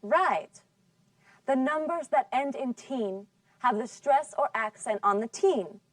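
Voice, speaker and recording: A woman teaching an English class, speaking slowly and carefully enunciating so students can follow. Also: high voice, lively intonation, dry recording, recorded from a distance. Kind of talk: scripted language lesson.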